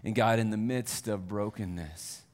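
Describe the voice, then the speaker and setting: Preaching a Sunday sermon in church, this male pastor has a low-side, slightly mellow voice and a measured pace. His tone moves from conversational and self-deprecating to earnest fervor.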